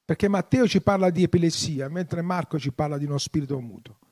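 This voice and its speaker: A man preaching a sermon, passionate, swelling into loud, emphatic appeals. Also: a little high, brisk. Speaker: pastor.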